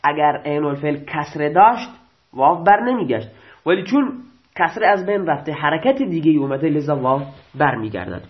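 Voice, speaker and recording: A male teacher giving a grammar lecture, reading out rules and restating them slowly, often asking and answering his own questions. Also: on the high side, expressive. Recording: dull lo-fi recording.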